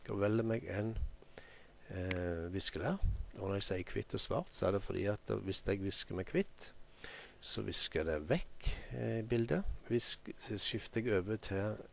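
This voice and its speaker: A man with a Norwegian accent giving an unhurried software tutorial, thinking aloud with many ums as he works. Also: on the low side, gravelly, slight background noise. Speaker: photo editing tutor. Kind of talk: screen-recorded software tutorial.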